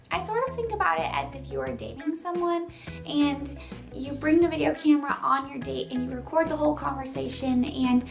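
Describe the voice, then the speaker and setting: A woman's voice: high voice, creaky. A young woman chatting casually in a morning vlog, her voice still groggy from sleep, laughing lightly between thoughts. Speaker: vlogger.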